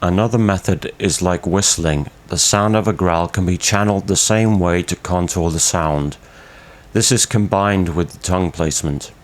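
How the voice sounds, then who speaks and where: Man, low pitch, scripted instructional narration, formal, explanatory, measured. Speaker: growling tutorial instructor.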